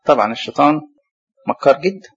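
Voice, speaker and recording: This male preacher teaches the Bible in an Egyptian Arabic accent, his voice slightly high, husky, and expressive. He fires off rhetorical questions and quickly answers them himself, and slows down to spell out and repeat hard names. The sermon comes through as a dull lo-fi recording.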